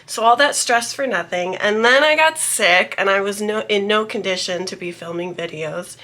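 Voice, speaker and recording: A young woman vlogger chats casually to camera about beauty tips, rambling with many ums, her voice a little nasal from a cold. She's medium-pitched and speaks at a moderate pace with a bright, forceful tone.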